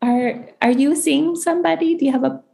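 A woman hosting a podcast and giving an intuitive reading, gentle and halting with many pauses and ums, speaking reassuringly. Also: high-pitched, creaky.

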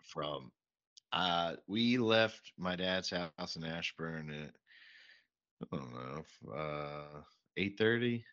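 A man's voice: low voice, animated, takes it slowly, a bit bright. A man, co-hosting a casual podcast and telling a profane, exasperated story. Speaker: podcast co-host. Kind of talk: casual chat. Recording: dull lo-fi podcast mic.

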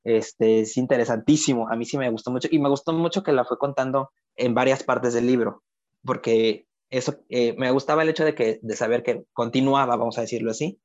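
A man's voice: medium pitch, a little mellow, no echo. Guy talking about a book, keeps restarting words, kinda muffled lo-fi audio. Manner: halting, many restarts and repeated words. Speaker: book club discussant. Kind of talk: casual book discussion. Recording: dull lo-fi sound.

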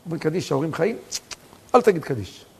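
A male rabbi preaching a sermon full of stories, telling them with animation and rising to near-shouts for emphasis. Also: a little high, very animated, slightly rough.

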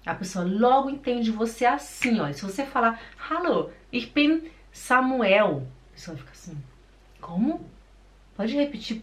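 Brazilian woman, German teacher, slow and patient, repeats words for drills. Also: medium pitch. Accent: Brazilian Portuguese. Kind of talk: casual online language lesson. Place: Switzerland.

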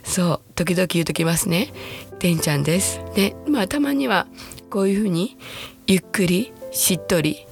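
A woman in her sixties with a Kansai accent hosts a casual podcast, her voice husky and hoarse from a throat cold. It sits low and gravelly, and she talks in a chatty, self-deprecating way. Faint music plays behind her. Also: animated. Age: 60s. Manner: chatty, self-deprecating, slows to a soft hush at times. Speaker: podcast host. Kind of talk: casual solo podcast talk.

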